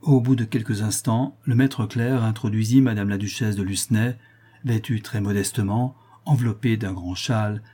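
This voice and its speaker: A man reading a novel aloud in steady, measured narration. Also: on the low side, husky. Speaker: audiobook narrator.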